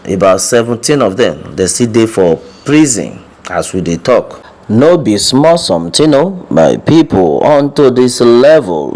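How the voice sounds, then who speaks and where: A man's voice: on the low side, a little mellow. A Nigerian man giving informal news commentary, repeating points for emphasis and addressing his listeners directly with hesitation sounds.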